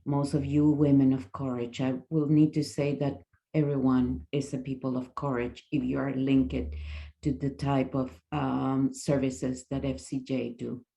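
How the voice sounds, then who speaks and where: A woman's voice: extremely low pitch, flat delivery, a little slow, creaky, dark tone. A woman in her sixties from Chile with a Chilean Spanish accent, giving a guest talk over a video call, hesitant, with fillers and restarts. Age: 60s. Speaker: guest speaker. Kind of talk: presentation talk.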